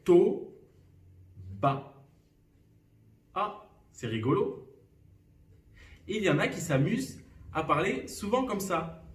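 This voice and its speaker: Slow, lively French teacher in a roomy echo. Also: male voice, high voice, a little hiss or hum. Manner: slow and clearly articulated, clapping out syllables. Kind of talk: remote lesson for young children. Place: a room at home. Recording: roomy echo, somewhat far from the mic.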